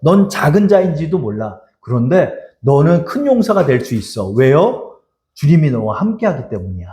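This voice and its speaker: A male pastor preaching in an echoey church sanctuary. His fairly high voice swoops up and down with lively emphasis as he exhorts his congregation and speaks to them directly. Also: normal speed. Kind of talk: sermon.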